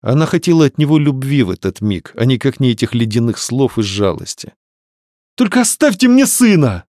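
A man narrating a literary novel in an expressive reading style. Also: medium pitch, brisk, no room sound, clean studio sound. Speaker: audiobook narrator. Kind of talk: scripted narration.

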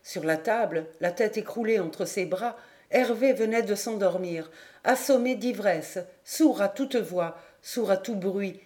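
Woman narrator, measured audiobook reading, mid pitch. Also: warm tone. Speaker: audiobook reader. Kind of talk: scripted narration.

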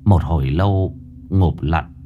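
A man narrating a ghost story in a tense, expressive storytelling manner. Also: low voice, unhurried, narrow, tinny audio, a little hiss or hum.

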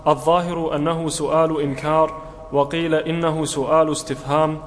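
A man reading a religious text aloud for a lesson in a steady, even way. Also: on the high side, a little fast. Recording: long hall reverb with faint background noise.

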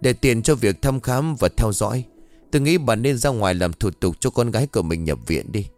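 A man playing a calm, professional doctor. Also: medium pitch, faint music behind, lightly acted. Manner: calm, measured.

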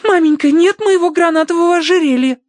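A woman's voice: expressive, moderate pace, a little mellow, dry recording, studio quality. A man doing a squealing spoiled young girl. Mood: excited, shrill. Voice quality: high, squealing.

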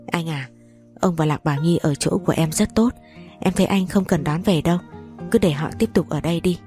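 A woman's voice: fairly low pitch, fairly quick, warm tone, soft background music, lightly acted. Woman reading as an evasive, polite younger brother. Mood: placating. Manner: polite, placating.

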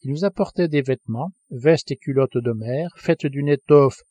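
A man reading a novel aloud as an audiobook narrator, in a measured, expressive way. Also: medium pitch, slightly rough, dry recording. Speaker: audiobook reader.

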